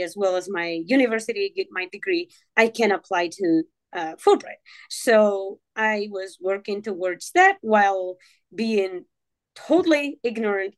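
Moroccan-born woman guest, Tamazight first language, halting with lots of ums. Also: medium pitch. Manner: hesitant, many fillers and restarts. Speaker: podcast guest. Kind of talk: casual interview talk.

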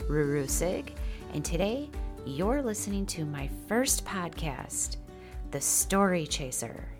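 A woman hosting a personal storytelling podcast, with a creaky, wavering voice that wanders in pitch and goes in and out. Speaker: podcast host.

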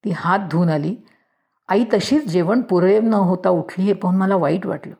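A woman reading a storybook aloud in a lively way, acting out each character's voice. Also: lowish voice, normal speed, creaky.

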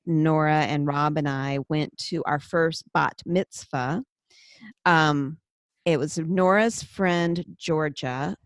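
A woman's voice: deep voice, dry recording. A woman co-hosting a podcast in casual chat, telling a story and laughing easily. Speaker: podcast co-host.

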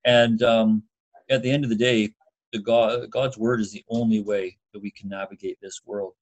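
A man's voice: lowish voice, little pitch movement, moderate pace, rough recording. A middle-aged man co-hosting a podcast in a casual, slightly hesitant way, as if thinking aloud. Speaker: podcast co-host. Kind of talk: casual chat.

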